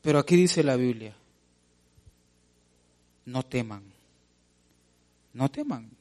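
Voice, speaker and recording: A man preaching a sermon, asking rhetorical questions and calling out to his listeners as "brother", building to loud emphatic appeals. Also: medium pitch, animated, slow pace. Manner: preaching, calls out "hermano" and builds to shouts. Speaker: pastor.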